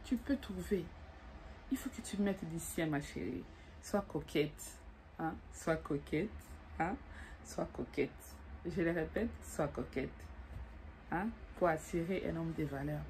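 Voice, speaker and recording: A middle-aged woman talking casually to camera from her bed, giving advice to her viewers in a chatty, animated way, repeating little tag questions and calling the viewer darling. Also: sits low, unhurried, slight background noise. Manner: animated, acts out greetings. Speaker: vlogger giving dating advice. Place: bedroom, lying in bed.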